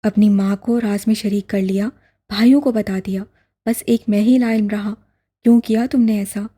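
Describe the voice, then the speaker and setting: A woman's voice: a little high, flat delivery, moderate pace, warm tone, close to an everyday voice. A woman voicing a stern middle-aged father who scolds his son sharply. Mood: scolding. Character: stern aging father, angry then softening.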